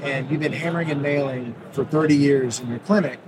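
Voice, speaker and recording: A man's voice: medium pitch, brisk. A man, an orthodontist, speaking earnestly in an interview and explaining his ideas through everyday analogies, recorded on an exhibit hall floor. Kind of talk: conversational interview. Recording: noisy trade show hall.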